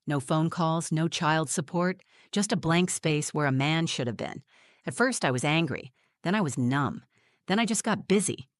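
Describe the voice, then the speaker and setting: A woman in her forties giving a measured, reflective first-person narration of a scripted story. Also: sits low, lively intonation, dry recording, studio quality.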